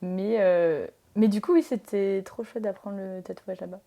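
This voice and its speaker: Young Frenchwoman, tattoo artist guest, rambling casual chat, creaky voice. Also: mid-range voice, steady tone, moderate pace, mellow. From France. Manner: chatty, rambling with many filler sounds.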